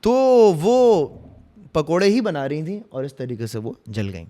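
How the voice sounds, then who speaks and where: A man with a Pakistani Urdu accent telling ghost stories as a podcast guest, animated and dramatic, dropping to hushed tones. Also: fairly high pitch, a little slow. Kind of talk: casual storytelling.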